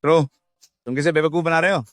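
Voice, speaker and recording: A man's voice: a little high, fairly even intonation, a little fast, fairly bright tone, dry recording, studio quality, close to an everyday voice. Man playing a bitter scornful villain. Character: vengeful villainous master, bitter and spiteful.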